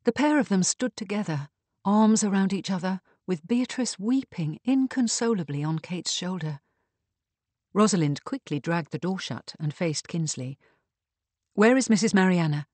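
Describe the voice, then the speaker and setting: A man reading a period mystery novel aloud in measured, even audiobook narration. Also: high-pitched, dry recording.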